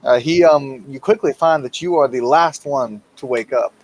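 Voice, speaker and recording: A man's voice: mid-range voice, normal speed, rough recording. Hesitant man running a tabletop game. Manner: hesitant, many ums. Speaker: game master.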